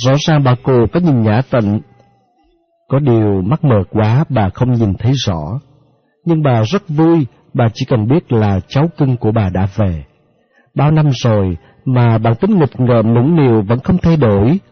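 Steady male audiobook narrator. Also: mid-range voice, husky, dry recording. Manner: steady, measured storytelling. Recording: dry, dull lo-fi audio with faint music.

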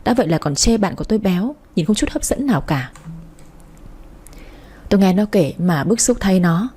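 A woman's voice: medium pitch, lively intonation, moderate pace, dark tone, breathy edge. A young woman narrating a first-person story in a wry, matter-of-fact way.

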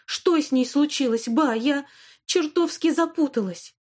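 A woman's voice: sits high, measured pace, a little mellow, voice pushed up. A woman reading an audiobook, voicing a rebellious, distraught teenage girl who turns defiant, then desperate. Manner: sulky, then desperate and sobbing. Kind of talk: audiobook character voice.

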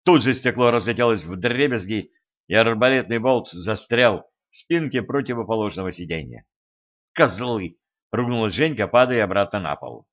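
A man narrating an adventure story in a steady, measured reading voice. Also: lowish voice, dull audio. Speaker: audiobook narrator.

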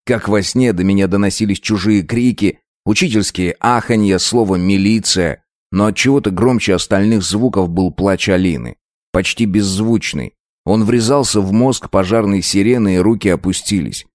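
A man narrating a first-person story in a measured, dramatic reading. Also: on the low side, darkish tone, no room sound, clean studio sound.

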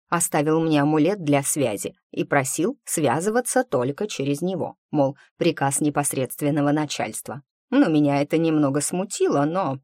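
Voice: medium pitch, darkish tone, no room sound, clean studio sound, close to an everyday voice. Чтец изображает старого мага-наставника, сдержанного и немного насмешливого, в аудиокниге. Он размеренно и ровно рассказывает о случившемся. Голос звучит сухо и близко, почти без отзвука комнаты. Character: old male magic master, wry and guarded. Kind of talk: audiobook character reading.

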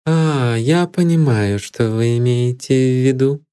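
A man's voice: a little high, measured pace, warm tone, voice pushed up, natural voice. A man voicing a proud, cool young woman who turns feverish under questioning, read as an audiobook figure. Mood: cold, scornful. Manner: cool and scornful, rising to feverish alarm.

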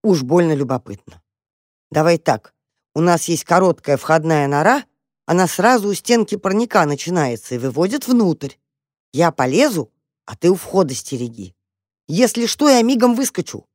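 A plucky young male mouse takes charge with quick, eager talk, as a storyteller voices him. He gets impatient and bossy with slower friends in this children's storybook. The sound is dry and close. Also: medium pitch, sing-song, darkish tone, no room sound, close to an everyday voice.

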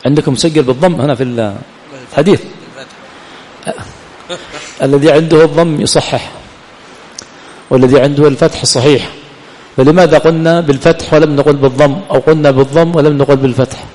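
A man's voice: on the high side, steady tone, fairly quick, pauses often, darkish tone. A man teaching a classroom lesson, quizzing his students and then answering his own questions. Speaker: teacher of hadith and grammar. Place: lecture hall of an Islamic study center. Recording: long hall reverb, faint room ambience.

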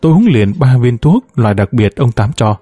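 A man calmly reading a first-person story aloud, voicing every character in his own even tone. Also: medium pitch, moderate pace, breathy edge, dry recording, clean studio sound, soft background music. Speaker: audiobook narrator.

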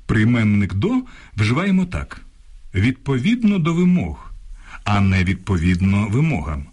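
Male radio presenter, husky and low, very lively pitch, measured scripted teaching read. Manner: measured, instructive contrasts of correct and incorrect usage. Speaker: radio language program presenter. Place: radio studio.

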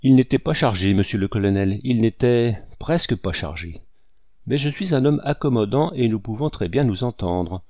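A man's voice: mid-range voice, animated, moderate pace, warm tone, no room sound, natural voice. A man voicing a whining old miser. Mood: pleading. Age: older. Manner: pleading, protesting.

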